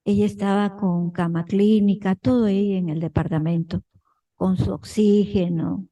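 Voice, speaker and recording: A woman from a parish group telling her own story to the group at an unhurried pace. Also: mid-range voice, fairly even intonation, warm tone, rough recording. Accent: Peruvian Spanish. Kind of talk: personal account in a group.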